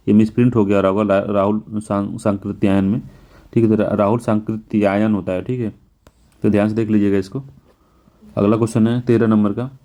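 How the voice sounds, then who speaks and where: Male tutor, low mellow voice, repetitive and patient, drags out words as he spells them. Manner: repetitive, self-correcting, often says "ठीक है". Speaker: exam prep teacher. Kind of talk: Hindi spelling lesson walking through test answers.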